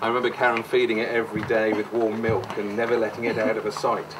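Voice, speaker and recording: A man's voice: on the low side, flat delivery, fast talker. A man gives a rambling best man style wedding speech, jokey and mock-sincere, often digressing. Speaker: wedding speaker, brother of the bride. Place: wedding reception room. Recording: noisy distant live room recording.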